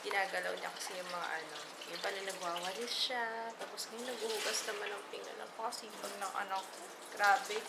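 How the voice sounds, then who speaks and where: A woman's voice: medium pitch, fairly even intonation, fairly quick, vocal fry, few pauses. A woman vlogging casually at home, mixing Filipino and English and saying she has barely slept. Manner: chatty, switching between Filipino and English. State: short on sleep. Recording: loud background noise.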